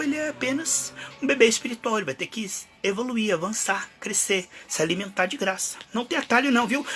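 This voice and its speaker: Fast, bright-voiced man preaching. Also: sits high. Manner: fervent preaching with acted prayers and quotes. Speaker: pastor. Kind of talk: sermon.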